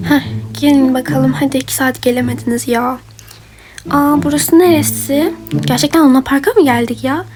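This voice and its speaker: High-voiced chatty woman doing role-play. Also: moderate pace. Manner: lively, chatty, switches between characters. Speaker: role-play video maker. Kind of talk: doll game role-play voicing characters. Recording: background music.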